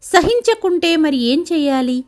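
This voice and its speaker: A woman's voice: very high-pitched, lively intonation, moderate pace, a little mellow. A woman reading the lines of a hurt, defiant young wife in a spoken family story, pleading and tearful.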